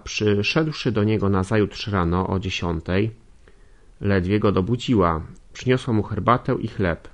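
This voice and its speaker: Male audiobook narrator, lowish voice, steady read with small self-corrections. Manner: steady reading with occasional slips and self-corrections. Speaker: audiobook reader.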